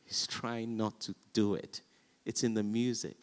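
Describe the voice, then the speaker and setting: A man with a low voice spins a theatre anecdote for a live audience. He tells it with energy and taps out the beat of the verse as he goes. A long reverb from the hall hangs on his words. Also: a little slow, clean tone. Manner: animated storyteller, chants verse rhythms aloud. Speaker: actor. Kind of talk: panel conversation, anecdotal.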